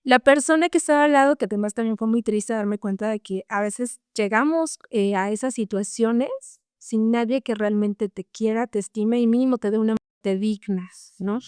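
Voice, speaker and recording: Young woman, podcast guest; earnest casual storyteller, smooth resonant tone, dry close mic. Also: a little high, normal speed, hardly any pauses, darkish tone, no room sound. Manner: earnest, tags lines with a questioning "no?".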